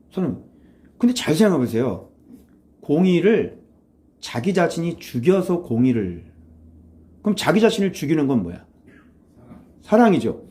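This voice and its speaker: A male pastor gives a morning sermon, his voice dark and mellow. His pitch swings widely as he poses rhetorical questions and briefly acts out the voices he quotes. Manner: animated, conversational preaching with rhetorical questions; acts out quoted voices, switches to blunt informal speech.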